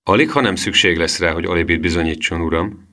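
A man voicing a brisk male bank manager in an audiobook reading, formal and businesslike. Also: sits low, expressive, bright, forceful tone.

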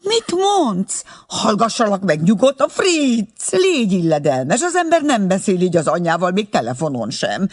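A reader voicing an excitable elderly mother who exclaims in a high, flustered voice on a telephone call in an audiobook. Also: few pauses. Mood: excited.

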